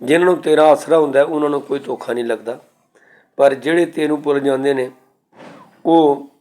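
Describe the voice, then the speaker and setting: A man giving a scripture exposition sermon, reciting verses slowly and then explaining them in plain words. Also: mid-range voice, a little mellow. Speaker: Sikh preacher.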